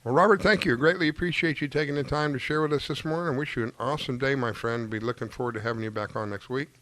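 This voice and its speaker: A man's voice: mid-range voice, fast talker, a bit bright, no echo. A man hosting a talk radio fishing show, chatting casually and reacting with frequent enthusiastic exclamations.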